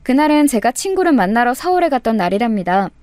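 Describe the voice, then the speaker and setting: A woman tells a scripted first-person story in a confiding, conversational manner. Her voice sits a bit high with a lively, rolling pitch. The sound is dry and close to the mic. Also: fast, no room sound. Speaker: story narrator.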